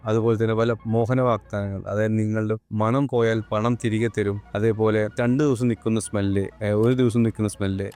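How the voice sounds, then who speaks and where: A man's voice: mid-range voice, darkish tone. A man, owner of a perfume shop, giving an earnest, persuasive promotional talk straight to his viewers.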